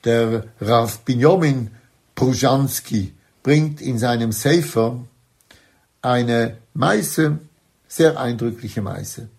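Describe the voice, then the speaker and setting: A man teaching a religious lecture, stressing key words by slowing down and repeating phrases. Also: mid-range voice, vocal fry, darkish tone.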